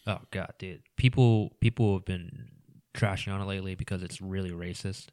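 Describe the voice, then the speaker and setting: A man's voice: sits low, steady tone, normal speed, mellow, no echo, studio quality. A man talking as a guest on a casual podcast, rambling with many "you know"s and trailing into mumbles.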